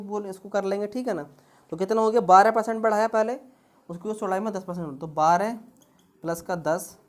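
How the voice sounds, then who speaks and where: A woman teaching an exam-prep math lesson, asking rhetorical questions at every step as she works the problems through. she speaks at an ordinary pitch, patient and methodical. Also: a little mellow. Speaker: math tutor.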